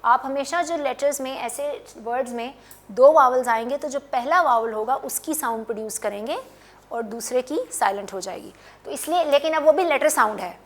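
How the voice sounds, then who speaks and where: A woman English teacher giving a classroom phonics lesson, stretching and repeating words for her students. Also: sits high. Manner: drawn-out, emphatic word repetition.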